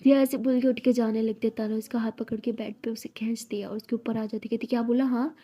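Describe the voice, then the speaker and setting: A woman's voice: on the high side, flat delivery, quick pace, mellow, slightly rough. A woman narrating a romance story in a casual, chatty storytelling manner.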